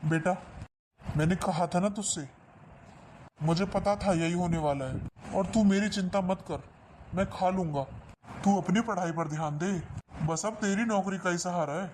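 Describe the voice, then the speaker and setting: A man playing a gentle old father who is helpless and resigned, speaking softly in a family drama. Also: high-pitched, measured pace, pauses often, a little hiss or hum. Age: older. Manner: soft, resigned.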